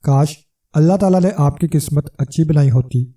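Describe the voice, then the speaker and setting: A man's voice: on the high side, dark tone, distant mic, natural voice. A man voicing a mocking, whiny young man who taunts his sister's husband, in a storybook reading. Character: mocking tearful young male brother-in-law.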